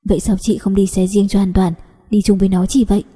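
A woman narrator puts on a young cousin who is protective and tender, coaxing one moment and scolding the next. The voice stays dark and husky, with a long reverb behind it, as in an audio storybook. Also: medium pitch, flat delivery, fast talker, lightly acted.

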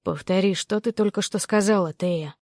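Woman narrator doing a young male lover, hushed and clipped, dry close sound, mid pitch for her. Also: moderate pace, dry recording, lightly acted. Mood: stunned, pressing. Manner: low, quiet, clipped lines. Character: young man, tense, guarded, pleading lover. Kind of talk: audiobook character voice.

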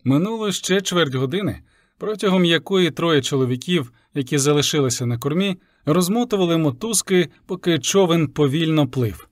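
Guy reading an audiobook, somewhat high voice, dry close sound. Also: lively intonation, moderate pace, no echo. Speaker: audiobook narrator. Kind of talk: first-person audiobook narration.

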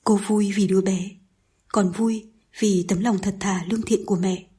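A woman reading a novel aloud as a storyteller, in a calm, even narrating manner with lightly voiced dialogue. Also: medium pitch, moderate pace, slightly rough. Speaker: audiobook narrator. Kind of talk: scripted narration.

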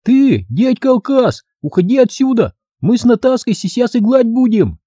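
A man voicing a bratty, lisping six-year-old boy who yells rudely. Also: very high voice, very animated, normal speed, no echo, clean studio sound, voice pushed up, heavily acted. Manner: rude, bossy, yelling.

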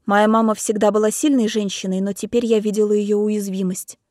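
A woman's voice: mid-range voice, little pitch movement, a little fast, a little mellow, dry recording, clean studio sound. A woman narrating a first-person audiobook in a dramatic, emotional storytelling manner.

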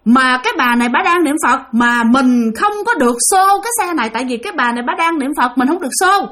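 A woman's voice: high-pitched, expressive, fast, fairly bright tone. A woman telling a ghost story in a chatty way, talking straight to her listeners. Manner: chatty, addresses listeners directly.

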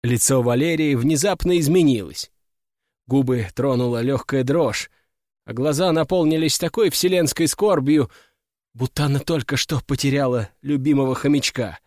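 A man reading a first-person fantasy audiobook in a wry, even storytelling manner. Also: mid-range voice, moderate pace, no room sound, studio quality. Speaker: audiobook narrator.

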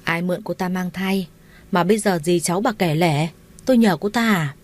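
Brief: woman narrator doing a low, scornful young husband, curt and dismissive, story reading. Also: normal speed, darkish tone, lightly acted.

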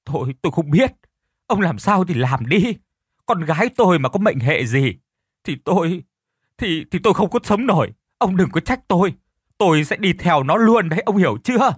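A man's voice: on the high side, fast, few pauses, husky, no echo, clean studio sound. Man putting on a tearful, pleading old village wife. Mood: sobbing despair. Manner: wailing, near-crying pleas.

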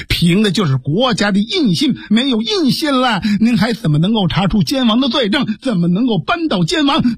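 A high, husky voice of a fervent younger brother-in-arms, as a male storyteller puts him on, pressing his case with rhetorical questions. He pleads and scolds in the same breath, in the dry close sound of a storytelling broadcast. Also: no room sound, full character voice. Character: earnest sworn brother urging a grieving official. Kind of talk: traditional storytelling dialogue.

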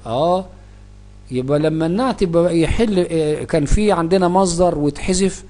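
A man's voice: fairly high pitch, mellow. A man with an Egyptian accent teaching Arabic grammar, asking himself questions and answering them. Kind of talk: grammar lesson explaining Quran verses.

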